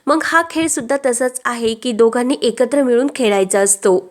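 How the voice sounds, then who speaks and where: A woman narrator voicing a cheerful, playful young woman who bossily referees a family game, lively and teasing. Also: on the high side, normal speed, lightly acted.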